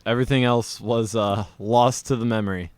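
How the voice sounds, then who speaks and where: A man co-hosting a podcast, telling a story in casual chat with animated, laughing delivery. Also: on the low side, normal speed, clear, resonant tone, no room sound. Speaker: podcast co-host.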